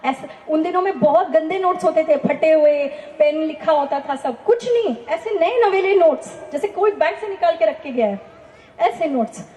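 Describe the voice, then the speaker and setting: In an echoey, dull, lo-fi hall recording, a woman speaks at a church talk, giving her personal testimony. Her voice is high-pitched, animated and a little mellow, at normal speed, as she tells her story earnestly and poses rhetorical questions to the listeners.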